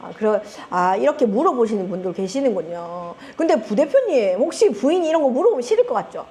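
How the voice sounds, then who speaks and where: A middle-aged woman with a Gyeongsang Korean accent gives a lively talk to a seminar audience as a network marketing group leader, teasing them and asking them questions. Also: on the high side, quick pace. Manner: animated, teasing, asks the audience often and laughs. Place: seminar room with a live audience.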